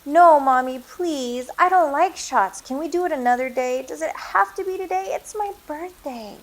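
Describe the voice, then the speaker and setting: A woman reading a storybook, voicing an excited five-year-old boy who pleads in a high, bouncy way. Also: moderate pace. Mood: pleading.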